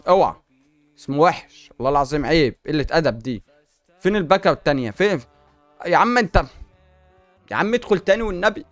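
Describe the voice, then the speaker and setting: A man with an Egyptian Arabic accent giving excited commentary while opening packs in a video game, exclaiming and talking back to the game. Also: sits high, no room sound. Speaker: gaming YouTuber.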